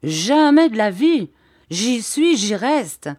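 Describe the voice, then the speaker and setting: A woman's voice: fairly low pitch, expressive, a little slow, a little mellow, dry recording, clean studio sound. A woman doing a stubborn slangy man. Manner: blunt, colloquial, emphatic.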